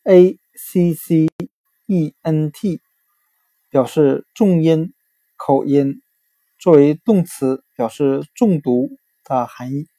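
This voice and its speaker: A woman's voice: low voice, dark tone, dry recording. A woman teaching English vocabulary, spelling words out letter by letter. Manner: slow, deliberate spelling out letter by letter. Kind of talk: vocabulary lesson.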